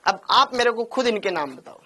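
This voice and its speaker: A man's voice: high voice, sing-song, brisk, sharp tone. A man teaching chemistry in an online class, drilling points over and over and scolding students by name. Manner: calls students by name and "beta".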